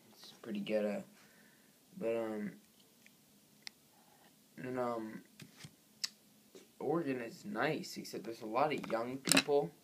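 A young man rambling casually through a vlog, with lots of ums and likes, filmed on his phone. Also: medium pitch. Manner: rambling, filler-heavy. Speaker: vlogger. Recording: noisy phone recording.

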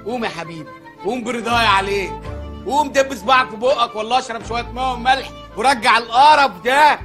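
A fretful, God-fearing Egyptian chicken seller in a TV comedy, his voice pitched very high as he rattles off scolding and pleading lines at a brisk clip. A music score plays under him. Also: bright, forceful tone. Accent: Egyptian Arabic. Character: pious, fussy male chicken-shop owner and anxious father. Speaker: comic lead in a TV comedy series. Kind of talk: sitcom comedy acting.

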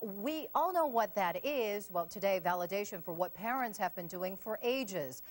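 A woman news reporter narrating a report and interviewing a mother, with a clear broadcast delivery. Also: medium pitch, lively intonation, normal speed.

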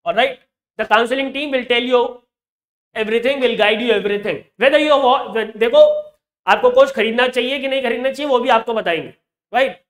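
A man's voice: very high voice, racing. A man in his thirties with a North Indian accent, lecturing as an exam coach in mixed English and Hindi, explaining and repeating points for emphasis. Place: indoor teaching studio with a presentation screen.

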